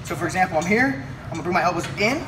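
A young man's high-sitting voice comes very fast as he energetically coaches a chest workout in a weight room, narrating each move while lifting. It's workout instruction recorded on a camera mic from a few feet away, so the sound is distant and full of room noise.

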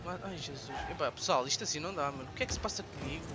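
A young man with a European Portuguese accent commenting on his gameplay, swearing and shouting at the game. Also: fairly high pitch, racing, very noisy. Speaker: gaming YouTuber.

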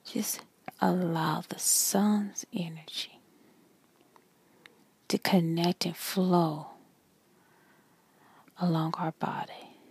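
Slow whispering meditation guide, a woman. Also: on the low side, steady tone, husky. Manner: slow soft whispering, long pauses.

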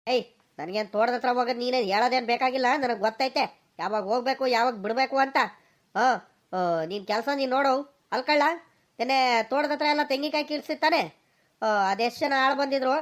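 A woman's voice: a little high, fairly quick, natural voice. A woman voicing a stern, suspicious older village father who scolds with demanding questions, speaking with a rural Karnataka accent. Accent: rural Karnataka Kannada.

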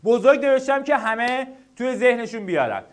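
A young man teaching students how to study, lecturing and speaking to them directly. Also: very high-pitched. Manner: animated, addresses students directly.

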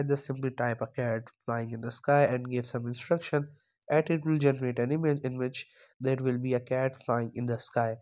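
A man narrating a screen-recorded software tutorial, explaining each step plainly, with some non-native phrasing. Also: mid-range voice.

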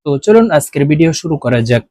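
A man teaching Quran reading in an online lesson, spelling letters out slowly and chanting the words drawn out, then explaining pronunciation rules in quick plain talk. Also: fairly high pitch, very animated, a little mellow, dry recording.

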